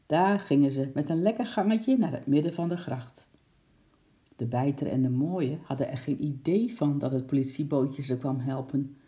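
Dark-toned man reading a children's story. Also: medium pitch, normal speed. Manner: lively storytelling with character voices. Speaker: narrator.

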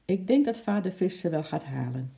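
Storybook father, calm and reassuring, read by the narrator, gravelly and dark. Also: medium pitch, normal speed.

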